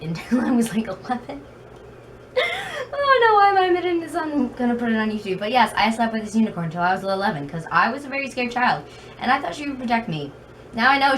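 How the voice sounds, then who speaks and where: Female vlogger, medium pitch, very slight lisp, chatty and self-deprecating storyteller; distant mic with light fan noise. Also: fairly bright tone. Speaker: video blogger. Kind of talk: casual chatty vlog storytelling. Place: bedroom at home.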